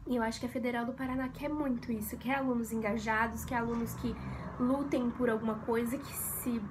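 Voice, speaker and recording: A young woman with a Brazilian accent, hoarse from a cold, explaining an essay exam in a chatty way full of fillers. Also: on the high side. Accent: Brazilian Portuguese. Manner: chatty, many fillers like "é" and "sabe". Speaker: essay tutor. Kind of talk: casual vlog-style lesson. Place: home room with street traffic outside. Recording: noisy room with street sounds.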